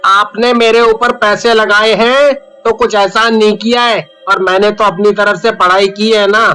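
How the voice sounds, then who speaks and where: An insolent, lazy teenage boy in a cartoon story, shrugging off blame with quick, dismissive backtalk. His voice is high and very smooth, with a bright, forceful edge. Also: fairly even intonation.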